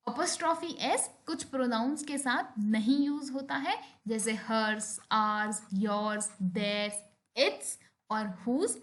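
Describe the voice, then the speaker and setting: A young woman with an Indian accent teaching an English grammar lesson, explaining rules and reading example sentences slowly with clear stress. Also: a little high. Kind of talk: grammar lesson over slides.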